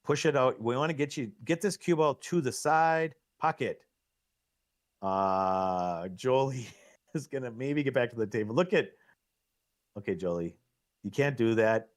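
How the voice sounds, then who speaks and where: A middle-aged man giving excitable, coaching commentary on a live pool match, laughing at himself often. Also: mid-range voice, unhurried.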